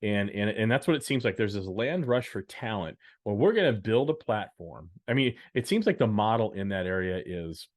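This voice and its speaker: A man's voice: fairly low pitch, animated, moderate pace, hardly any pauses. A man from the United States co-hosting a casual business podcast, chatting and walking through numbers. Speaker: podcast co-host.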